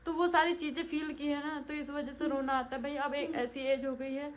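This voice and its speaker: A woman's voice: sits high, flat delivery, normal speed, slight background noise. A woman vlogging about family, speaking to her viewers in a tearful, heartfelt way, recorded on a phone at a village home. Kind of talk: emotional family vlog talk.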